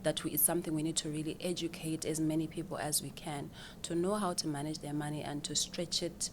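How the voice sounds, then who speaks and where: Speaking briskly in a low voice with little pitch movement, a financial planner from Zimbabwe explains her answers to interview questions. She often repeats words while thinking and lets out small laughs. Background noise can be heard.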